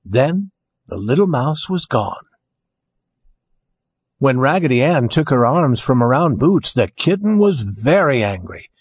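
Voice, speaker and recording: Husky man reading a lively storybook. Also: medium pitch, a little slow, long pauses, dry recording. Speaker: narrator. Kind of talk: storybook read-aloud. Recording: dry, dull lo-fi sound.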